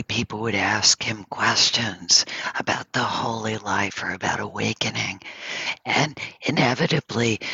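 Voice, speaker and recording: Male meditation teacher, breathy half-whisper with a bright tone, dry close sound, slow pauses between phrases. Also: mid-range voice, no room sound, dull audio. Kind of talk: gentle guided dharma talk. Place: home, over an online session.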